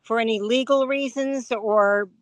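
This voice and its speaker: A woman caregiver attending a webinar, asking questions over a video call in a halting way, repeating words. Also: a little high, steady tone, no echo. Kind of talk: audience question.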